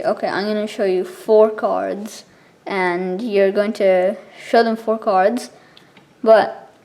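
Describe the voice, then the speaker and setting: A woman explaining something step by step in a casual, informal tutorial style, with halting pauses between steps. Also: mid-range voice, a little mellow. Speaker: card trick tutorial presenter.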